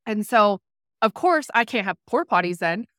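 A woman's voice: medium pitch, animated, normal speed, a bit bright, no echo, studio quality. A woman who is a podcast guest tells a candid story in conversation. She speaks animatedly, uses a lot of "like" fillers and acts out quotes. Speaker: podcast guest, rural entrepreneur.

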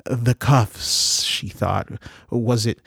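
A man narrating a dark story in a measured, unhurried audiobook read, recorded close and dry. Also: medium pitch, fairly even intonation, creaky, husky, no echo.

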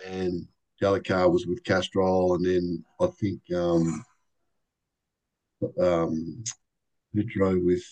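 Older bloke, low-pitched storyteller, racing guest, acts out the quotes. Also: male voice, slow, pauses often, low-quality recording. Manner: animated anecdotes with quoted voices. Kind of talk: casual storytelling interview.

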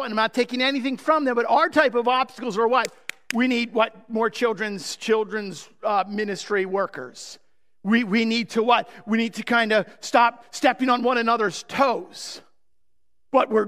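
A man preaching a sermon as pastor, emphatic and posing rhetorical questions to the congregation, often drawing phrases out slowly. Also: very high voice, a bit bright. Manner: emphatic, with slow drawn-out phrases. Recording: long reverb of a large hall.

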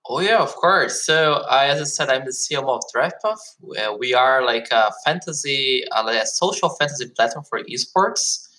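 A man's voice: mid-range voice, lively intonation, moderate pace, few pauses, sharp tone, rough recording. A man from Brazil, a guest on an interview podcast, answering casually. He sounds upbeat and leans heavily on "like" and "uh" as fillers. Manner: upbeat, heavy use of "like" and "uh" fillers. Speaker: guest, esports marketing executive.

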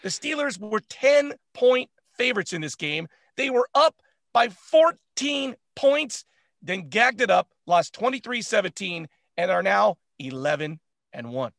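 High-pitched gravelly man, animated sports chat. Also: unhurried, dry recording, clean studio sound. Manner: animated, laughs often, lots of "like". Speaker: co-host.

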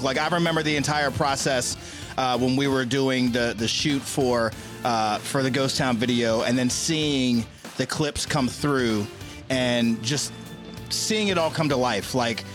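A man hosting a talk show, effusive and a bit rambling as he praises his guest. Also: medium pitch. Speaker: host. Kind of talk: casual chat.

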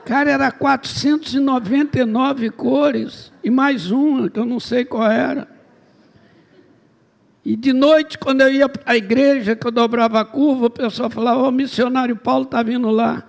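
A man's voice: extremely high pitch, steady tone, normal speed, gravelly. A man, a missionary preacher telling a humorous testimony and acting out the dialogue.

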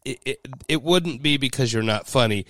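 A man co-hosting a podcast in casual chat, cracking deadpan jokes with hesitant starts and slow punchlines. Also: mid-range voice, dry recording, clean studio sound. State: drinking. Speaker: podcast co-host.

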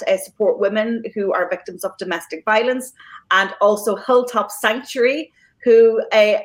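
A woman's voice: medium pitch, rough recording. A woman hosting a podcast, talking casually and giving thanks with many fillers and restarts. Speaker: podcast host.

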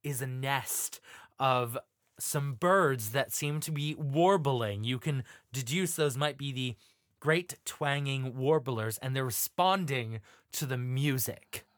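A man's voice: mid-range voice, takes it slowly, fairly bright tone, no echo, clean studio sound. A man running a tabletop game as game master, narrating the improvised action in a theatrical, playful way.

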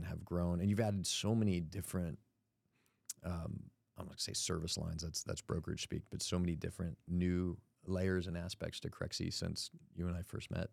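A man's voice: sits low, vocal fry, a little mellow, dry recording, clean studio sound. A man hosting a podcast interview in a casual, conversational style, with informal, teasing banter. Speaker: podcast host interviewing a guest.

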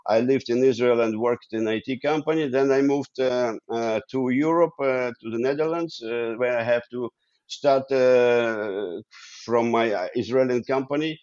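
A middle-aged man born in Ukraine, a Russian native speaker, speaking English as an interview guest in halting sentences full of fillers and restarts. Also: mid-range voice, darkish tone, no echo, highs cut off. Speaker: guest, founder of an online professional community. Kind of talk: casual interview conversation.

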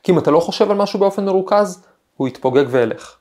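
A man's voice: high voice, animated, darkish tone. A man hosting a podcast, a professor giving a reflective talk with a personal anecdote and frequent hesitations. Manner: thoughtful, storytelling, frequent hesitations.

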